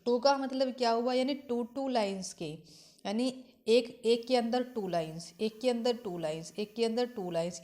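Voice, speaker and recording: Slow-speaking woman teacher. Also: on the high side, darkish tone. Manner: repeats key points, asks and answers her own questions; reads English verse slowly and haltingly. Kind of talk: exam-prep literature lesson.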